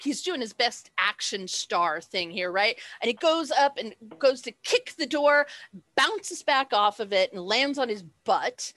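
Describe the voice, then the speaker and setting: Unhurried woman running a tabletop game. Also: a little high, a bit bright, no echo. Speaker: game master. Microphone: headset on a video call.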